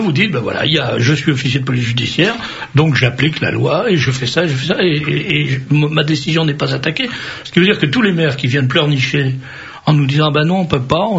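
Gravelly radio host guy, blunt, says what he thinks, muffled old broadcast sound. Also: on the high side, a bit bright. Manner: blunt, opinionated and provocative. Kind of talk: radio interview. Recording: dull lo-fi radio recording with faint noise.

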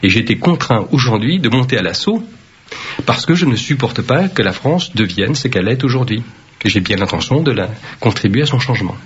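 A man who serves as a mayor, answering interview questions firmly and deliberately, with frequent hesitations. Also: mid-range voice, expressive, breathy edge. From Vietnam. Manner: firm, measured, with frequent hesitations. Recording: dull lo-fi radio recording.

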